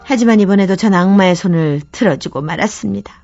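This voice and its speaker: A woman radio host reading a listener's letter as expressive first-person comic storytelling. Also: mid-range voice, fast talker, creaky, dull audio, faint music behind.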